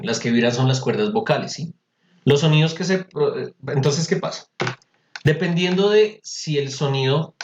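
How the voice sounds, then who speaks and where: A man teaches pronunciation over a video call, patient and chatty. He repeats words to drill them. His sound is roomy and slightly dull. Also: a little high. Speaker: English teacher. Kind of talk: online class explaining pronunciation. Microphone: computer mic on a video call.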